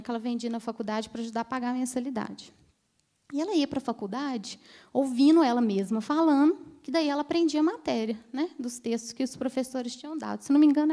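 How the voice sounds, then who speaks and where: A woman's voice: a little high, a little mellow. A woman, telling patient stories in a chatty way during a conference talk. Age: 30s. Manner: chatty storytelling, addresses the audience directly. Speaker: ophthalmologist giving a conference talk.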